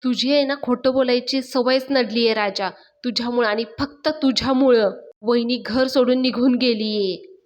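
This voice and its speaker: Woman reading as an angry young man, accusing and scolding, a little high-pitched. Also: fairly even intonation, moderate pace, big-room sound, close to an everyday voice.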